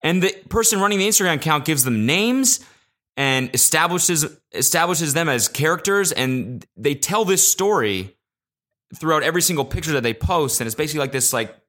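A man hosting a casual solo podcast, talking into a podcast mic in an animated, profane rant that jumps between loud exclamations and low mutters. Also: fairly quick. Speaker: podcast host. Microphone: podcast microphone.

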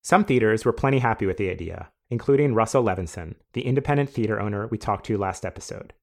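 A man hosting a podcast, reading a measured, scripted narration that explains a business story. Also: fairly low pitch. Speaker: podcast host.

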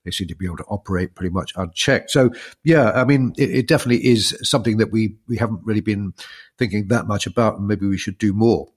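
Male podcast co-host, fairly low voice, croaky with illness, talking through analysis in a measured, conversational manner.

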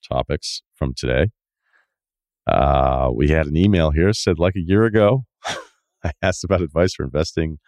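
A man's voice: very deep voice, darkish tone, no room sound, studio quality. A man hosting a sports podcast, chatting casually and reading out listener emails.

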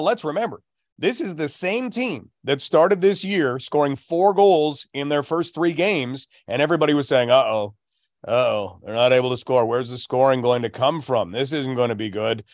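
A man's voice: fairly high pitch, no room sound, clean studio sound. A man co-hosting a hockey podcast, recounting games and anecdotes in a casual, storytelling way. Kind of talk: casual sports chat.

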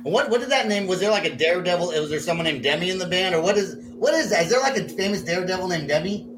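Higher-pitched male interview host, noisy recording. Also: lively intonation, fast. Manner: informal, loosely phrased questions. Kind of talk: casual interview chat. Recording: clear background noise.

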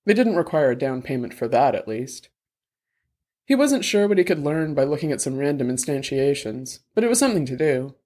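Male audiobook narrator, wry, steady, slightly high voice. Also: a little fast.

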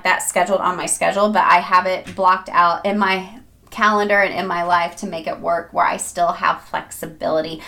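A woman's voice: mid-range voice, pushed and bright. A woman hosting a self-improvement advice podcast, speaking in an upbeat, chatty and encouraging way, as if to friends. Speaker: podcast host.

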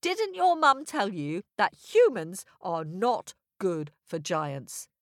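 A woman voicing a boastful, hungry male trickster coyote in a storybook tale, bragging and excitable. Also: medium pitch, takes it slowly, no echo, studio quality, full character voice. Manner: cocky, excitable, brags.

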